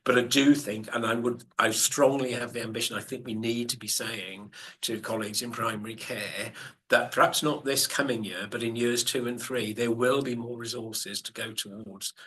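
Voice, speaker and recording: A man contributes to a board meeting over a video call. His voice is mid-pitched with a bright edge. He talks thoughtfully, pausing often with ums. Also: fairly even intonation, a little hiss or hum. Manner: hesitant, many ums, thoughtful. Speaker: board member.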